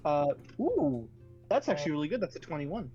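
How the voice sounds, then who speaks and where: A woman's voice: sits low, big pitch swings, fairly quick, warm tone. A woman bantering casually and bluntly as a player in a tabletop role-playing game. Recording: slightly dull audio over music. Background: music.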